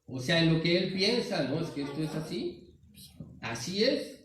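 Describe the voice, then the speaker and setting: Northern Mexican preacher in an echoey church. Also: male voice, fairly high pitch, big pitch swings, measured pace, fairly bright tone, far from the mic. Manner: earnest, keeps calling listeners "hermano". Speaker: pastor. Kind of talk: sermon. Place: large church sanctuary. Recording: very echoey hall, voice from afar.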